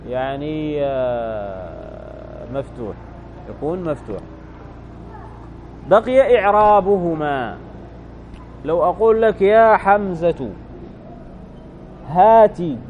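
A man's voice: fairly high pitch, narrow, tinny audio, a little hiss or hum. A man teaching an Arabic grammar lesson, repeating key phrases and checking in with his listeners.

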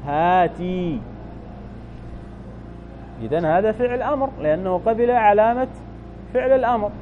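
A man's voice: high voice, lively intonation, moderate pace, phone-quality sound, slight background noise. A man teaching an Arabic grammar lesson, repeating key phrases and checking in with his listeners.

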